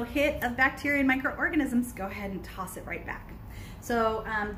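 A woman's voice: a little high, a bit bright, echoey room, a little hiss or hum, rough recording. A woman in her forties, sitting indoors, teaching kombucha brewing in a chatty, explanatory way with many fillers, recorded on a phone at arm's length. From United States. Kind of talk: casual livestream teaching. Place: indoors on a couch by large windows. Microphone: phone camera at arm's length.

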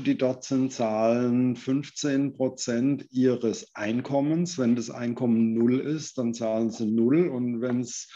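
A man's voice: mid-range voice, dark tone. A middle-aged man on a video call, explaining his work in a thoughtful conversational way and often rephrasing as he goes. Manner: thoughtful, restarts phrases, hedges with "wenn man so will". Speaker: architect answering questions in an online lecture. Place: indoors by a large window. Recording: muffled video call audio.

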